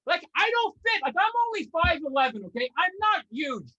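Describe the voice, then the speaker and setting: A stand-up comedian from Canada performs his set over a video call. His voice is high and swoops all over the place. He rants in profane exasperation and acts out his own exclamations. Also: very animated, fairly quick, pushed and bright, muffled recording.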